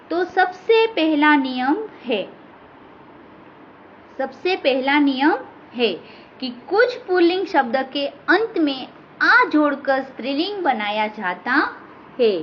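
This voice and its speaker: A woman teaching a grammar lesson, who repeats each rule and draws out the example words slowly and patiently. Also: sits high. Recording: dull lo-fi sound with faint background hiss.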